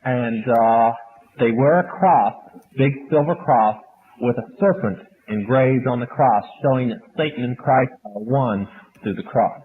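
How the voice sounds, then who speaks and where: A man lecturing an audience and taking questions in a matter-of-fact, flat delivery, heard on an old archive recording. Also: medium pitch, measured pace. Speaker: speaker at a question session. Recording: old tinny archive recording with faint hiss.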